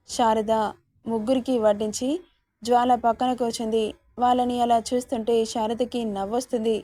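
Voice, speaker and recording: A woman narrating a serialized romance story in a steady, even reading voice. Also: fairly high pitch, dry recording.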